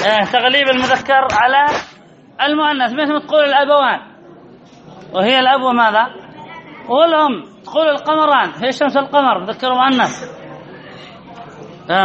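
High-voiced male teacher quizzing a class. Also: fast, long pauses, fairly bright tone, dull audio, some chatter behind. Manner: repeats answers, quizzes the class. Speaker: Arabic grammar teacher. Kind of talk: classroom lesson with questions to students.

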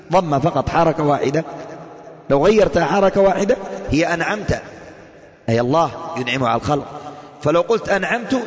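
A man delivers a sermon to a gathered congregation, asking rhetorical questions and answering them. His voice sits a little high for a man, and it rings with a long reverb from a large mosque hall. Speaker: preacher. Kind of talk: Friday-style sermon to a congregation.

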